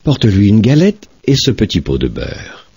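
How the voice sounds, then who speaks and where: A man voicing a caring mother in a storybook reading, giving gentle instructions. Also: on the low side, huge pitch swings, normal speed, slightly rough, dry recording, clean studio sound, full character voice. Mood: instructing. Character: caring mother sending her daughter out.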